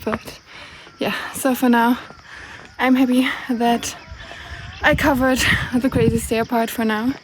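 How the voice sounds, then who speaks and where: A young woman talking casually to her camera while hiking a mountain trail outdoors, chatty and quick to laugh. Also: on the high side, level tone, poor audio. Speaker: travel vlogger. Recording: outdoor noise behind voice.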